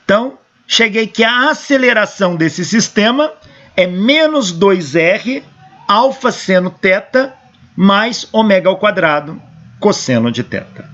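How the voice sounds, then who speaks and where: Working step by step through equations, a hoarse male engineering professor with a Brazilian Portuguese accent poses questions and answers them himself. His voice sits high and sounds a bit bright, animated yet unhurried, and the lo-fi recording is dull.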